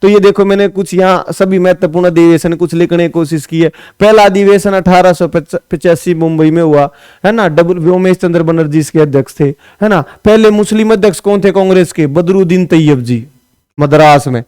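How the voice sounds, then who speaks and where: A man's voice: high-pitched, brisk, darkish tone, clean tone, no echo, studio quality. A man teaching an exam-prep lesson, firing off quiz questions and answering them himself, repeating each answer with a tag question. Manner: casual, scolds sloppy notes.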